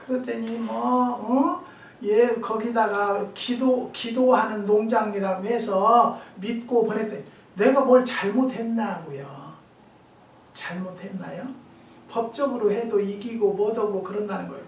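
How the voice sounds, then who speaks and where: A man's voice: high voice, measured pace. A pastor in his seventies preaching a sermon, telling a story conversationally and acting out the dialogue. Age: 70s. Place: prayer retreat sanctuary. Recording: echoey hall, distant mic, faint noise.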